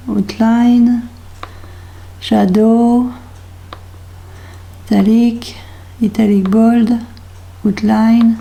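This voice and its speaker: Puzzling over a label maker, this French craft vlogger thinks out loud in a hesitant mutter. Her pitch is fairly high, and the voice is creaky yet mellow.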